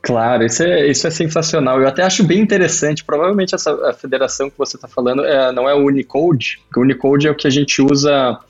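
A man chatting casually as host, explaining things in an articulate, measured way. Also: mid-range voice, highs cut off. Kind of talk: casual chat.

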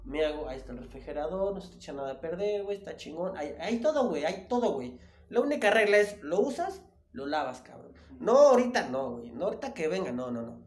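A man's voice: fairly high pitch, fast talker. Slangy Mexican man in an echoey room. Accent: Mexican Spanish. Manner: slangy, animated storytelling. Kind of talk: casual chat between friends.

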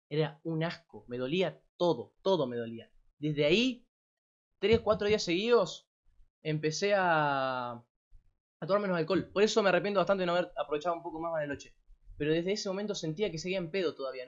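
Teen Argentine male streamer, high-ish voice, loose slangy swearing delivery, muffled lo-fi mic. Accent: Argentine Rioplatense Spanish. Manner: rambling, slangy, swears freely. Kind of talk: casual storytelling to a live audience. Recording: dull lo-fi recording.

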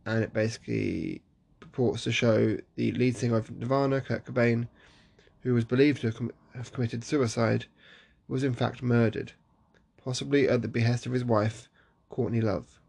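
A man's voice: medium pitch, steady tone, moderate pace, vocal fry, a little mellow, slightly rough. A man hosting a casual solo podcast in a groggy morning voice, chatty and self-deprecating, laughing at himself. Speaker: podcast host.

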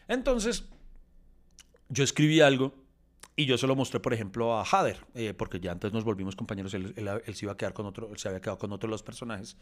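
A man's voice: fairly low pitch, animated, fast talker. A man telling a long story in a casual podcast chat, acting out quotes and laughing often.

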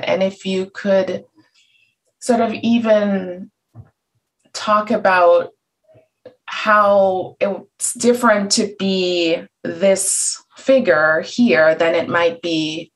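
A woman's voice: medium pitch, rough recording. A woman interviewing in a conversational way, feeling her way carefully into each question.

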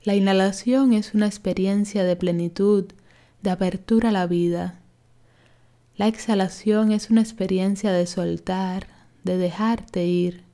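A woman in the role of yoga instructor leads a relaxation meditation, offering soft, gentle directions in a calm, soothing manner. Her mid-range voice moves a little slowly.

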